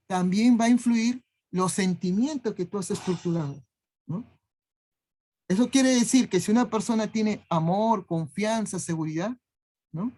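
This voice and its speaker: Teacher lecturing with a "¿no?" after each phrase. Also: male voice, sits high, darkish tone. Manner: tags nearly every phrase with a questioning "¿no?"; lists traits one word at a time. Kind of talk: classroom lecture.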